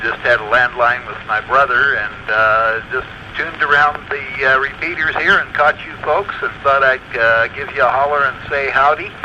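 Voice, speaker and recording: A man's voice: mid-range voice, fairly even intonation. Man checking in over noisy radio. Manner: halting, many filler pauses. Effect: heard over a two-way radio link. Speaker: ham radio net caller. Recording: dull noisy radio transmission.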